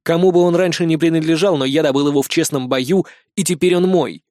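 A man voicing a calm, firm young male warrior hero, speaking close to his own voice. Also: on the high side, fast, no echo, lightly acted. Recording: dry close studio audio.

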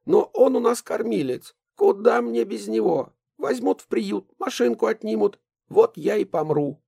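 A man reading an audiobook, voicing a fussy, tipsy, boastful elderly woman in a high, quavering voice. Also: expressive, a little slow, vocal fry, warm tone, husky, dry recording, studio quality, full character voice. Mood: complaining. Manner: high quavering old-lady voice.

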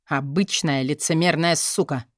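A woman voicing a domineering, mocking male boss in an audiobook, speaking low and menacing. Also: fairly even intonation, normal speed, no echo, studio quality, lightly acted.

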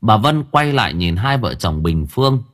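Husky, expressive male storyteller. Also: lowish voice, normal speed. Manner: expressive, dramatic. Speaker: audiobook narrator. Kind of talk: dramatic story narration. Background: soft background music.

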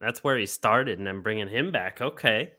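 A man's voice: lowish voice, normal speed, pushed and bright. A man hosting a casual basketball podcast, laughing often and using lots of fillers. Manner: laughs a lot, many fillers. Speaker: podcast host. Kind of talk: casual chat.

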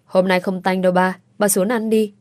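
A woman's voice: medium pitch, level tone, normal speed, a little mellow, no echo, lightly acted. A woman voicing a playful, teasing young daughter in a storybook reading, speaking in a cheeky, coaxing way. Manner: cheeky, pleading, sulky.

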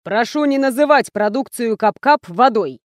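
A stiff corporate representative speaks in a formal, deadpan way, as a woman narrator plays him. The voice stays high and the recording dry. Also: normal speed, dry recording, lightly acted. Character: stiff man in suit, company rep.

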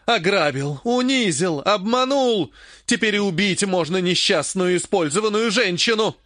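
A man reading an audiobook, voicing a furious, grasping old woman mage in a raised, shrill, scolding voice. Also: lively intonation, moderate pace, a bit bright, dry recording, studio quality. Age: older.

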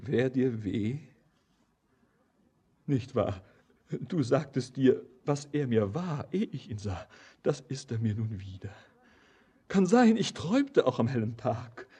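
A brooding young wanderer in a radio play, super husky, slow, voice swings up and down a lot. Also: male voice, medium pitch, exaggerated voice. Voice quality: husky, hushed and intense, dropping often to a whisper. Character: brooding young man, a wanderer who wants to be a miner. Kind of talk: verse radio drama acting.

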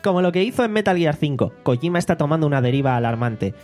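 A man's voice: a little high, lively intonation, quick pace, darkish tone, soft background music. A man, hosting a casual podcast, reading out listener comments in a mocking, swearing tone. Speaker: podcast host. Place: home studio.

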